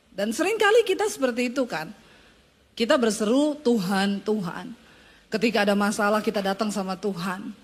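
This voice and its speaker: A woman pastor giving a lively, conversational sermon in church, teasing and questioning the congregation. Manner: pitch swings wide for emphasis.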